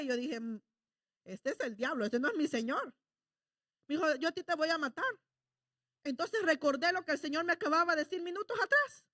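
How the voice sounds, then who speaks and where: A woman preaches a sermon in a high voice. She tells personal stories and acts out the lines of God and the devil. The sound is dry and close. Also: fairly bright tone, no echo. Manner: asks the congregation for agreement.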